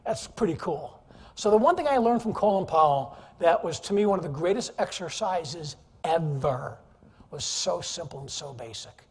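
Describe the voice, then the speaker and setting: Husky, lively male keynote speaker. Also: on the high side, moderate pace. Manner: animated, jokey, teases the audience. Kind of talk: energetic, humorous business presentation. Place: large conference hall, live audience. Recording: reverberant conference hall.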